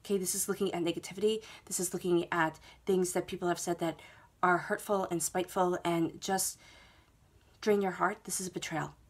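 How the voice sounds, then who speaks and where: Indoors at a table of laid-out cards, a tarot reader with a head cold records her monthly reading to camera. Her fairly low, slightly rough voice stays steady in tone and moves a little fast, and she reassures soothingly, checking in with "okay?" a lot.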